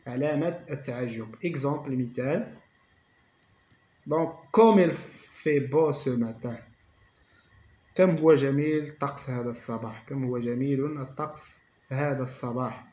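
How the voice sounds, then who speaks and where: A man with a Moroccan accent teaching a French grammar lesson, reading French slowly and explaining it quickly in Moroccan Arabic. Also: medium pitch, darkish tone. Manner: slow dictation-like French, rapid Darija explanations. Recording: echoey room.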